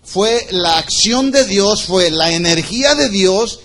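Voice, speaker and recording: A man's voice: sits high, expressive, slow, fairly bright tone. A male pastor preaching a Bible-study sermon, explaining word meanings and asking the congregation questions.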